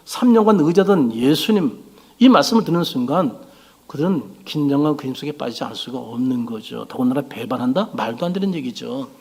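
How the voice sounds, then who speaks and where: A man preaching a sermon as pastor, swinging between loud exclamations and hushed low lines. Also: lively intonation, a little fast, breathy edge.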